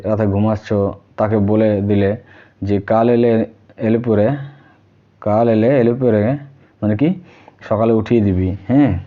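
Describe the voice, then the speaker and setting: A man with a Bengali accent teaches vocabulary in a relaxed, conversational way, repeating each word and often asking whether the listener has followed. His voice sits at a middle pitch. The recording is muffled and lo-fi. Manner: repeats words, checks understanding with frequent tag questions. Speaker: language teacher. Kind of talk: casual spoken lesson.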